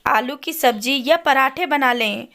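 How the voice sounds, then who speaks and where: In a storybook character voice, a woman speaks a little slowly in a high, fairly bright tone. She plays a polite young daughter-in-law who dutifully and respectfully asks questions.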